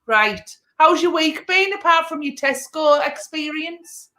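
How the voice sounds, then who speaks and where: Brash high-voiced woman host. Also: lively intonation, unhurried, sharp tone. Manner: brash, cheeky, swears freely. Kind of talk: casual banter, show host.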